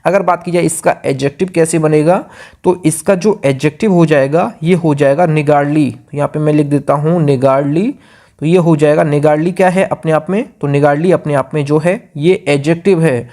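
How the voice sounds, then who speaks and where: A man with an Indian accent teaching an exam grammar lesson, repeating each rule step by step and reading example sentences slowly. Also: a little high, mellow. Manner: repetitive, drills rules step by step.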